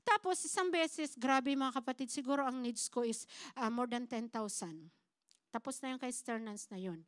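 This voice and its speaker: In a church, a woman pastor delivers a Tagalog sermon as a personal testimony, mixing in English and often calling the congregation "mga kapatid." She acts out quoted dialogue as she tells her story. Her voice is on the high side, clear and resonant at a normal speed, with clean studio sound and no room sound.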